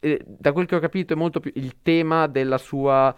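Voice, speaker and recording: A man's voice: on the high side, steady tone, brisk, clean tone, no echo, lo-fi sound. A man co-hosting a podcast, chatting casually about films and making joking asides to the listeners. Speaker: podcast co-host. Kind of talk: casual film chat.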